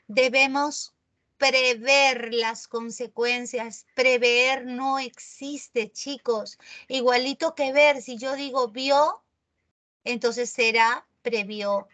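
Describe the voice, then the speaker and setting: A woman teaches a grammar lesson at an unhurried pace, her voice sitting a little high. She corrects errors firmly and keeps checking that the class follows. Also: bright, forceful tone. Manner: corrective, asks the class rhetorical questions.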